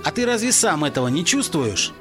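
A boisterous, half-drunk young rocker, as a male narrator plays him, loud and cocky with a lively, swinging lilt. The voice sits a little high, and music plays behind the audiobook reading. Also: brisk. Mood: defiant. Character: tipsy brash young male rock musician.

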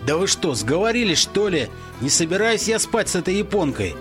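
A boisterous, half-drunk young rocker, as a male narrator plays him, loud and cocky with a lively, swinging lilt. The voice sits a little high, and music plays behind the audiobook reading. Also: fairly quick. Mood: defiant. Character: tipsy brash young male rock musician.

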